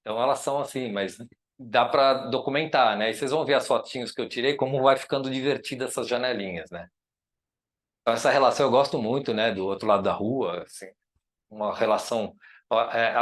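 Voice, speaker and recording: Chatty Brazilian man lecturing on architecture. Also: mid-range voice. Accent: Brazilian Portuguese. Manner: chatty and enthusiastic, many tag questions. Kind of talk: informal lecture with slides. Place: lecture room.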